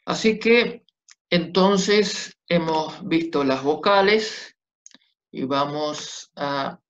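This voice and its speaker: A man's voice: on the high side, drawn-out words, fairly bright tone. A man teaching Biblical Hebrew in a class, patiently checking understanding with short tag questions. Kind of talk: classroom lecture at a whiteboard. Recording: dull lo-fi classroom recording.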